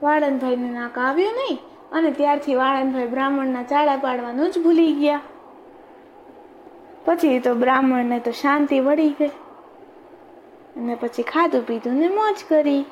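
High-voiced woman telling a children's tale. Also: moderate pace, long pauses, muffled recording, slight background noise. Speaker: storyteller podcast host. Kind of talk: children's story narration.

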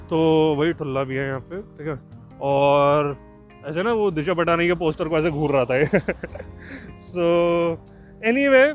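Young man, podcast host, high voice, chatty and joking, outdoors by a road. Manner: jokey, chatty, mixes Hindi with English. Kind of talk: rambling walk-and-talk commentary. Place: outdoors near a car showroom by a road.

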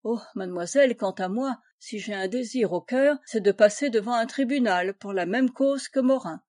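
A woman's voice: a little high, normal speed, a little mellow, no echo, clean studio sound, lightly acted. A woman voicing an ardent young man wooing a woman in an audiobook, earnest and impassioned. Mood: pleading.

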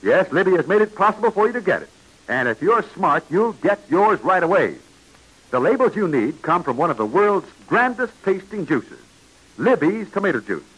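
Man, 1940s radio serial announcer, hearty kids' pitchman, fairly high voice. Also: a bit bright, breathy edge, poor audio. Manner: hearty pitchman addressing kids.

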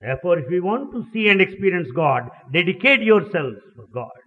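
A man interpreting a sermon line by line, measured and deliberate, on a dull archive recording in a large hall. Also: high voice, very animated. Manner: slow, measured phrasing.

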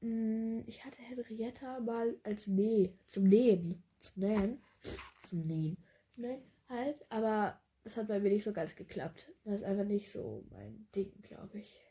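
A woman's voice: mid-range voice, unhurried, dark tone. A woman chatting casually about a book and reading a passage aloud, hesitant and thinking aloud as she goes. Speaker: book vlogger.

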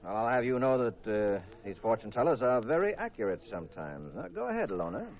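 An actor playing a teasing, skeptical detective husband in an old radio drama. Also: male voice, mid-range voice, big pitch swings, fast talker. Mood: jealous, mocking. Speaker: lead actor. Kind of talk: 1950s radio drama acting. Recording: muffled old radio recording with music.

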